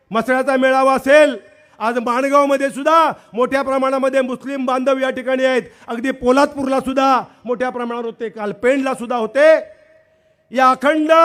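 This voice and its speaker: A man's voice: very high-pitched, fairly bright tone. A man with a Maharashtrian accent giving an emphatic, declamatory political rally speech to introduce a party leader.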